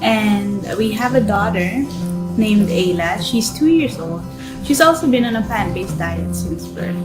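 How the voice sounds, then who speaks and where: A woman in her early twenties, a mother, introducing herself in a bright, friendly way. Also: medium pitch, animated, a little slow, rough recording. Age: 20s. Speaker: interviewed mother. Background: guitar music.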